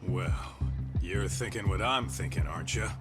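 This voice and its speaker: A man's voice: fairly low pitch, normal speed, loud music behind the voice, natural voice. An actor playing a jaded, streetwise man in a video game, blunt and casual with dry wit. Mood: wry.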